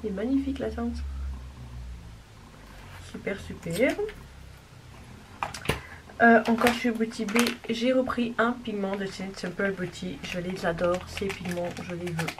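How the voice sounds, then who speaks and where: A woman showing off a makeup haul in a casual, gushing way, sometimes dropping to a soft whisper. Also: mid-range voice, fairly even intonation, unhurried, long pauses. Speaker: beauty vlogger. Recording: distant mic with clear background noise.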